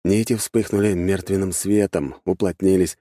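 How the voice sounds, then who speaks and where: Deep, mellow male storyteller, measured and wry, dry booth sound. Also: fairly even intonation, no echo. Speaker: audiobook narrator. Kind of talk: scripted first-person fantasy narration. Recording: dry close studio sound.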